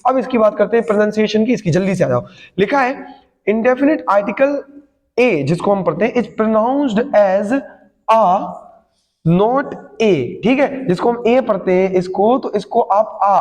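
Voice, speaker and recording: A man teaches English grammar, drilling each point again and again and tossing rhetorical questions at his students. His voice sits high for a man. A long echo hangs behind him. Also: darkish tone. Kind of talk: classroom lecture.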